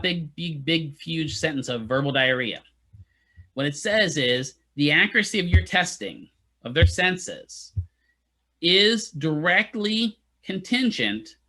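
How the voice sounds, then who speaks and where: A physical therapy instructor lectures his class loosely, joking with students and asking "right?" constantly. His bright, forward voice sits a little high for a man, and he sounds at ease, expressive and moderately paced.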